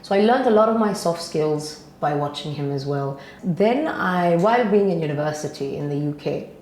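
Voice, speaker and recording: A woman's voice: on the low side, expressive, moderate pace, a little mellow, slight background noise. A woman from Ghana, a guest from the energy industry, giving chatty interview answers with fillers and restarts. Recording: echoey room.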